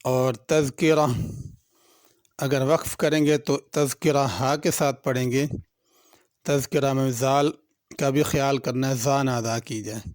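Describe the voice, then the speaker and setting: His voice is medium-pitched, a little mellow, and fairly even, captured as clean studio sound without room tone. Speaking with a Pakistani Urdu accent, he teaches Quran tajweed methodically and patiently, drawing out each word in recitation before explaining the rules behind it.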